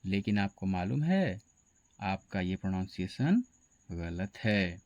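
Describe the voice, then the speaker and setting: A man's voice: deep voice, big pitch swings, slow, a little mellow, no echo, muffled recording. A man teaching a pronunciation lesson to students, spelling out words letter by letter.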